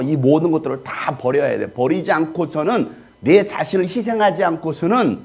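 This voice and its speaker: A man's voice: fairly high pitch, creaky, darkish tone, breathy edge. A man preaching as a pastor in a conversational style, peppering the congregation with rhetorical questions. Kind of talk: sermon teaching.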